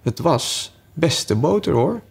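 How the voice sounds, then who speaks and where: A man reading aloud, voicing a meek, slow-talking male hare. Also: mid-range voice, sing-song, a little mellow, voice pushed up. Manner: slow, humble.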